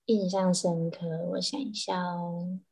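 Animated woman storyteller. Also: on the low side, unhurried, slightly rough. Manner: animated storyteller, frequent restarts. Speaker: animal communicator guest. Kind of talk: casual podcast chat.

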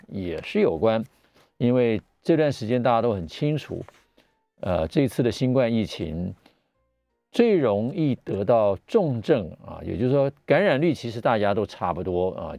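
A middle-aged man with a Taiwanese Mandarin accent hosts a live radio health talk as a physician, explaining in a measured way with pauses and speaking through a face mask. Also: lowish voice, vocal fry, dark tone, no echo. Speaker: radio show host and family physician. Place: radio studio.

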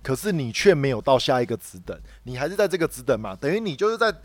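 A man's voice: medium pitch, sing-song, quick pace, dry recording. A man with a Taiwanese Mandarin accent, co-hosting a casual podcast chat and telling a long work story that circles back on itself, with many repeated words. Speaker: podcast co-host.

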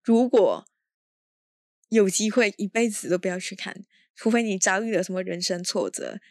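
A woman's voice: medium pitch, normal speed, a little mellow, no echo, studio quality. A woman hosting a casual film review podcast. She talks in an exasperated, sarcastic way and drops in English exclamations. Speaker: podcast host.

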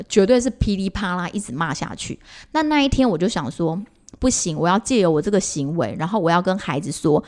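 Low-voiced woman telling stories. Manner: animated, lots of fillers and restarts. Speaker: podcast co-host and mother. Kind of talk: casual storytelling chat.

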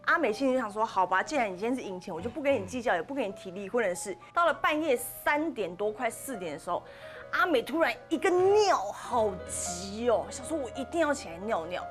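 A woman's voice: on the high side, brisk, faint music behind. A woman with a Taiwanese Mandarin accent, a podcast host telling a ghost story casually and acting out the characters' lines. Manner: animated, acts out the characters' lines.

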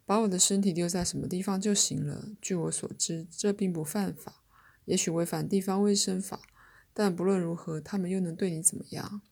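A newly dead man, bewildered but wry, read by a woman narrating a story, talks about his own death in a matter-of-fact way. The voice is low and husky with some gravel. The character voice stays close to the reader's own. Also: fairly even intonation, brisk, darkish tone.

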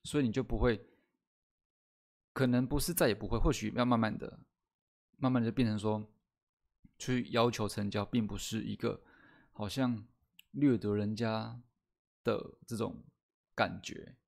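Low gravelly man teaching a lesson. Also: a little mellow. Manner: explanatory, keeps asking rhetorical "right?"; stresses key words slowly for emphasis. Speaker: host teaching sales skills. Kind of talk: solo podcast lesson with slides.

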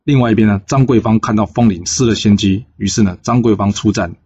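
A man casually narrating a classic folk tale in a relaxed, filler-heavy way. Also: fairly low pitch, fairly quick, breathy edge, highs cut off. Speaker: storyteller.

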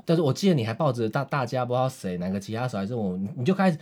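A man with a Taiwanese Mandarin accent co-hosting a podcast, teasing his bandmate with quick wisecracks. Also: mid-range voice, sing-song, a little mellow. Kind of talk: casual banter.

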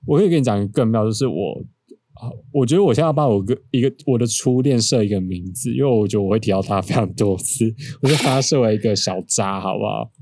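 A man's voice: fairly low pitch, fast, dry recording, clean studio sound. A young man with a Taiwanese Mandarin accent, co-hosting a podcast and telling stories in a casual, teasing way. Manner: storytelling, animated and teasing. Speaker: podcast co-host. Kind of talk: casual chat.

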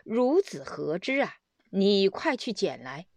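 Lady putting on a grumpy old immortal guy, scolding, slow and lively. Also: medium pitch, dry recording. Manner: scolding, lofty old speech. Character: old male immortal, gruff and testing.

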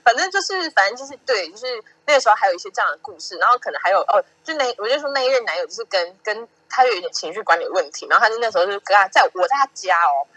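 A young woman hosting a relaxed podcast chat speaks very fast, barely pausing, in a mid-range voice with a Taiwanese Mandarin accent. Her storytelling is animated, full of acted-out quotes and frequent laughter. The audio is dry but poor.

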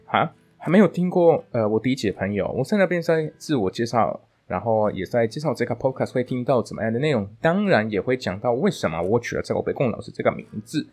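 A man's voice: medium pitch, animated, fast, few pauses, a little mellow, slightly rough. A man hosting a podcast language lesson, chatting loosely with many fillers. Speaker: Spanish teacher, podcast host. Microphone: podcast microphone.

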